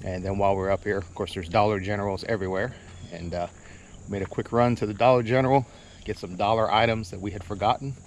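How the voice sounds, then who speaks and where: A middle-aged male vlog host chats casually at a campground, rambling in a laid-back way and chuckling as he talks. His voice is low and fast, and the outdoor recording picks up light nature noise like birds and insects.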